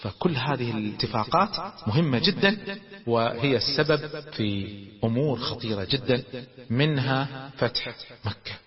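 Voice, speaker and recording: A man giving a religious history lecture as a dramatic storyteller, swinging between loud and hushed. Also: medium pitch, animated, normal speed, pauses often, crowd noise. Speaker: preacher and lecturer. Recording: dull recording in a large echoing hall with audience.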